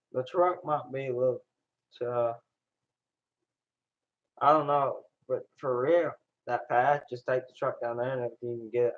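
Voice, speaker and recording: The recording is dull and lo-fi. A man talks casually at a middle pitch, rambling and hesitating as he thinks aloud. His delivery is unscripted and conversational. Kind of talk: casual chat. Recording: dull lo-fi sound.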